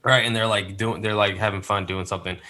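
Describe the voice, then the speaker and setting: Lower-voiced bright guest storyteller. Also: male voice, steady tone, quick pace. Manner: rambling storyteller with many fillers, rueful. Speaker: podcast guest. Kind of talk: casual chat.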